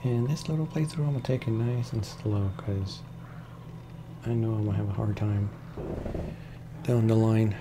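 Low-ish and a little froggy, his voice keeps a fairly even intonation at normal speed, broken up by long pauses. He's a streamer playing a video game in his room, offering relaxed, muttered commentary on a clearly noisy home recording.

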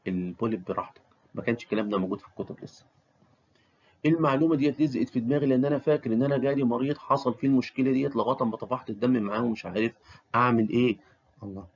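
Rapid, husky Egyptian man giving advice. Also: medium pitch, muffled recording. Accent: Egyptian Arabic. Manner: repeats key phrases, many fillers. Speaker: doctor giving career advice. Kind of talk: casual advice talk.

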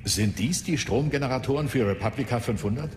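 A man playing a grave, measured investigator in a German audio drama. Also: medium pitch, close to an everyday voice. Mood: serious. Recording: long cavernous reverb, faint music.

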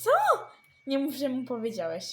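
A woman's voice: high-pitched, expressive. A young woman acting out a Minecraft roleplay, firing off one exasperated question after another. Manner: exasperated, rapid-fire questions.

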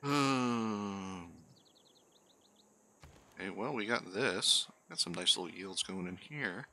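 A man's voice: fairly low pitch, takes it slowly, bright, forceful tone. A man giving casual let's-play commentary, muttering running asides to himself and his units in a wry, self-deprecating way. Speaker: gaming channel host.

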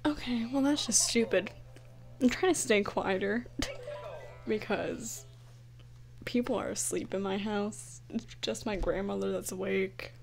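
A woman's voice: mid-range voice, unhurried, creaky, pauses often. A woman giving casual let's-play commentary at home, giggly and self-mocking, with frustrated outbursts at the game. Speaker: gaming YouTuber. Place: home at night, keeping quiet. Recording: game music behind the voice.

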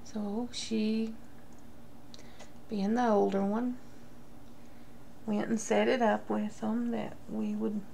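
A woman in her thirties telling a casual, confessional story to camera in a gossipy, rambling way with halting tangents. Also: mid-range voice, little pitch movement, gravelly, dark tone, slight background noise. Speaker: vlogger. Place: small room at home, indoors.

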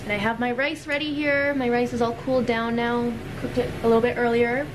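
A bright, somewhat high-voiced young woman talks through her cooking in a casual, cheerful way. She is recorded on a camera mic in a home kitchen, with clear kitchen noise behind her. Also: fairly even intonation, a little fast. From Filipino heritage family. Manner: chatty, upbeat, talks while cooking. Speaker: vlogger.

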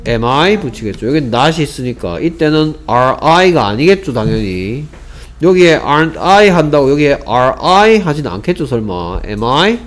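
Male English teacher, patient explainer, drills example sentences slowly and checks understanding often. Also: medium pitch, sing-song. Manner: asks rhetorical check questions, repeats example sentences slowly. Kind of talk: grammar lesson.

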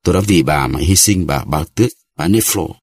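A man's voice: deep voice, a little fast, darkish tone, no room sound. A man voicing a jealous, reproachful lawyer's wife who pleads and sighs in a novel reading. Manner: pleading, sighing.

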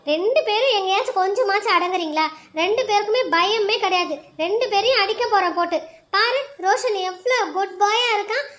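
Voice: very high voice, a little fast, fairly bright tone. A performer voicing a cartoon mother who scolds her quarreling children. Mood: scolding. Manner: scolding, nagging. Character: scolding cartoon mother, stern but fond.

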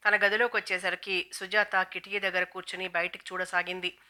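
A woman narrating a novel aloud in a steady, even storytelling manner. Her voice is very bright and crisp. She keeps her pitch flat and level from line to line. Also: fairly quick.

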